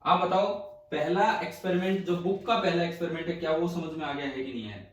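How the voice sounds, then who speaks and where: A man's voice: on the high side, fast talker. A male physics teacher lecturing a class, explaining step by step and firing questions at his students. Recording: echoey room, from far off.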